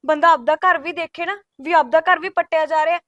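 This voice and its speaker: A woman's voice: very high voice, a little fast, a bit bright, no echo, highs cut off. A woman playing a fed-up, insistent sister-in-law. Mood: exasperated. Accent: Punjabi. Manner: insistent, complaining. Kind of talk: rural village drama acting.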